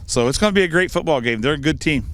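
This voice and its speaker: American coach talking through a face mask. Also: male voice, a little high, animated, rapid-fire, a bit bright. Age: middle-aged. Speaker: high school football coach. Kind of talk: pregame interview answers.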